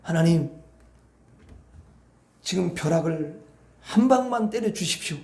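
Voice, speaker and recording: A man doing Jesus as a grown man in prayer, aggrieved and pleading, voice pushed up high, ringing around an echoey church hall. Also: lively intonation, measured pace, creaky, a little mellow.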